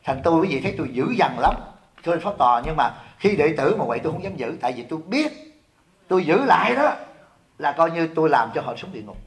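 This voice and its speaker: A middle-aged man from Vietnam, an abbot giving a sermon in a lively, joking way, often asking his listeners questions. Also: fairly high pitch, fast. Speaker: abbot giving a dharma talk. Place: temple hall.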